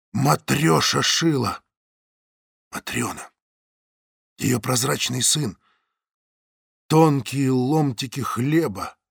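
A man's voice: mid-range voice, creaky, husky, dry recording. Male narrator for a tense audiobook, dramatic delivery, dry and close. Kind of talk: scripted narration.

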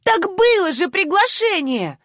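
A hurt, defiant young woman whose high voice turns shrill when she protests, as a woman performs her in an audiobook. The recording is dry and close. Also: lively intonation, normal speed, no room sound. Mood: indignant shouting. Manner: indignant, tearful, shrill when upset.

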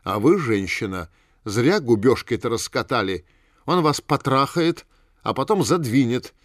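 A man's voice: mid-range voice, unhurried, dry recording, clean studio sound, close to an everyday voice. A man voicing a furious jealous young woman. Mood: furious, hysterical. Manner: shouting insults, hysterical.

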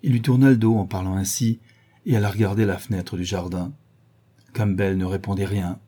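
A man narrating a classic novel in a measured, dramatic reading. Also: deep voice, fairly even intonation, mellow, husky. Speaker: audiobook narrator. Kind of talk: scripted narration.

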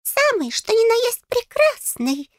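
Woman voicing a tiny fairy man, squeaky, pompous, greedy, bossy, storybook audiobook, close dry sound. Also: big pitch swings, measured pace, dry recording, full character voice. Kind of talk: audiobook character voice.

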